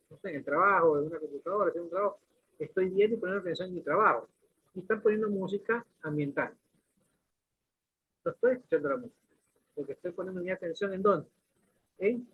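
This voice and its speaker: The man's voice is fairly high and slightly rough, brisk in pace yet marked by long pauses. Teaching a class, he uses questions and everyday examples while often restarting sentences. It's a lo-fi recording resembling a phone.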